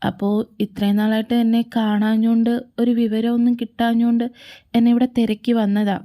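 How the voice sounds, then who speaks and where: A woman voicing a patient young man who reasons gently with his friend in a fan audio drama. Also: a little high, little pitch movement, fairly quick, natural voice. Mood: calm.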